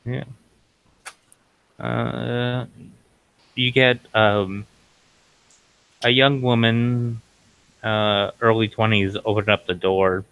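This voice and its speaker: A man's voice: medium pitch, steady tone, extremely slow, creaky, long pauses, smooth, no room sound, dull audio. A man narrating as game master, hesitant and full of fillers.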